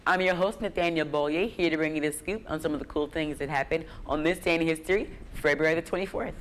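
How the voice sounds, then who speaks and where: A man's voice: a little high, fast talker, slight background noise, poor audio. A young man hosting a student news history segment, reading in an upbeat, casual way.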